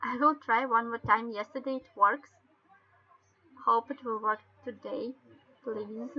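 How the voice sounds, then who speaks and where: A woman with a Russian accent explains things step by step in halting non-native English, like an informal online training session. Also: on the high side, fairly even intonation. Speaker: webinar presenter. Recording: dull lo-fi webinar call audio.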